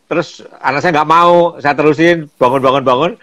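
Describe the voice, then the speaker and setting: A man's voice: on the high side, fairly quick, dry recording. Chatty older man telling stories. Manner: animated storyteller, laughs often, acts out quoted voices. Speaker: photographer and guest. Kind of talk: casual storytelling chat.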